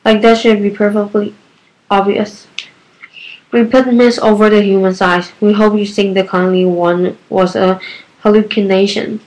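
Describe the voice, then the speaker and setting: A woman voicing a nervy, touchy young male satyr in a storybook read-aloud, reading in a hurried way that stumbles over words. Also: medium pitch, level tone, a little mellow, close to an everyday voice, low-quality recording.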